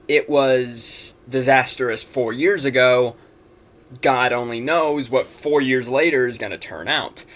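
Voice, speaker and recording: A man giving blunt, emphatic political commentary in an exasperated, somewhat halting way, like a vlogger talking to camera. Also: medium pitch, a bit bright. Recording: noticeable background noise, home-recorded.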